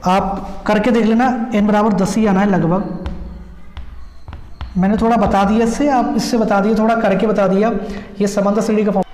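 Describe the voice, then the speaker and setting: A man's voice: high voice, level tone, moderate pace, a little mellow. A man teaching an exam-prep maths lesson, explaining step by step and repeating key points while checking in with his students. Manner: repetitive step-by-step explaining, frequent check-ins. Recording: echoey room with long reverb.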